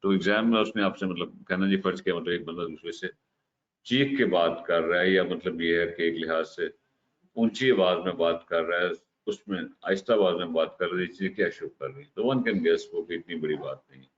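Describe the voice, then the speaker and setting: Deep-voiced man teaching a lesson. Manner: explains slowly, mixes English terms into Hindi-Urdu, frequent "ठीक है" check-ins. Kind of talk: lecture on communication. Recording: slightly dull recording with faint hiss.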